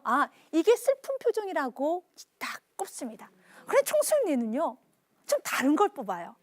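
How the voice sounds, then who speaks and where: A woman preaching a sermon, telling a story in an animated way and asking the congregation questions. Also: extremely high pitch, no echo. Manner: animated storytelling, acts out dialogue.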